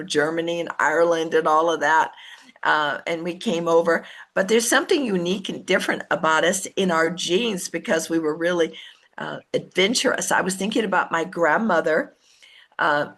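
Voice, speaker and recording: An American woman, a team leader, gives an informal motivational business talk, partly reading from notes. She speaks conversationally and often corrects herself. Her voice is lowish and a bit bright.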